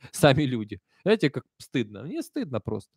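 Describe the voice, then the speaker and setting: A Ukrainian man in his thirties with a Kyiv Russian accent chats on a live stream, reading out viewer comments in a conversational, emphatic way with soft-spoken asides. His mid-range voice is sing-song and slightly rough, at normal speed. He's in a small indoor room, close to a desk stand mic, and the recording is dry and clean, like a studio.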